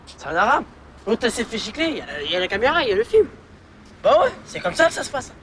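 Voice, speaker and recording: An actor playing a restless, hungry young man who talks quickly and offhandedly in a film scene. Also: extremely high pitch, huge pitch swings, a bit bright, a little hiss or hum, heavily acted. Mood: easygoing. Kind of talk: film acting.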